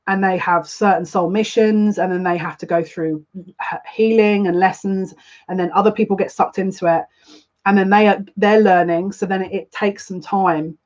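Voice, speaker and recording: A woman hosting a psychic livestream gives a live spiritual reading, speaking earnestly and confidingly and circling back to repeat her own phrases. Her mid-range voice has a darkish tone, fairly even intonation, and a moderate pace. The livestream audio is a little dull and lo-fi.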